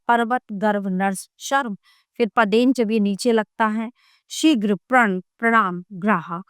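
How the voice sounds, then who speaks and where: Woman, teacher, grammar lesson for children, spells sounds slowly, smooth clear voice, dry close recording. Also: fairly high pitch, no echo. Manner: addresses children warmly and directly.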